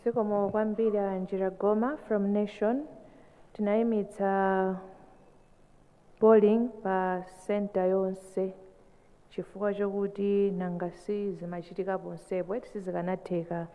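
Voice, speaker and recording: Malawian woman official at a press briefing, gravelly low voice, measured, echoey hall. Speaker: election commission chairperson. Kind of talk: formal press briefing answers, switching between two languages. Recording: echoey hall, thin phone-like sound.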